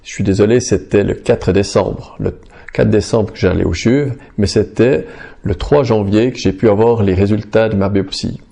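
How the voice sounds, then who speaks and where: Gravelly-voiced man giving a faith testimony. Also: fairly low pitch, dark tone. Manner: earnest, halting, with frequent restarts and fillers. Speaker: person giving a healing testimony. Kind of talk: personal testimony, spoken.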